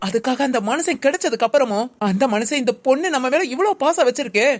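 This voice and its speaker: A woman's voice: high-pitched, animated, fast talker. A woman in an audio drama playing a stern woman who lectures a friend reproachfully.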